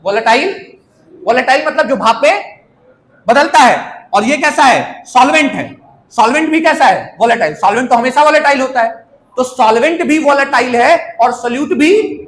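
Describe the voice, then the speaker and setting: A man's voice: extremely high pitch, a bit bright, roomy sound. A male chemistry teacher, lecturing playfully and quizzing students with everyday examples. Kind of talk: classroom lecture.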